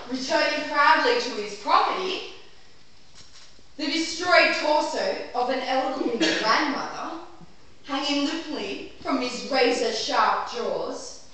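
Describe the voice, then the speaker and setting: Recorded from afar by a camera microphone, this clip has a woman on a small theatre stage before a live audience, acting as an overblown, melodramatic defense lawyer in an amateur play. Her voice is high and fairly bright as she addresses the jury in a grand, measured monologue punctuated by dramatic pauses. The room echoes and there is faint background noise.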